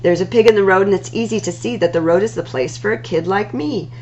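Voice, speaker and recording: Hosting storytime, a woman reads rhyming picture books aloud with an expressive, singsong delivery and drawn-out words. Her voice sits in the mid range. The audio quality is poor, with slight background noise.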